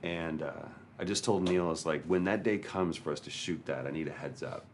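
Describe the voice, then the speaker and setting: A man's voice: low voice, a little fast, a little hiss or hum. A male actor in an interview, candidly and reflectively recounting a hard experience. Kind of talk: interview storytelling.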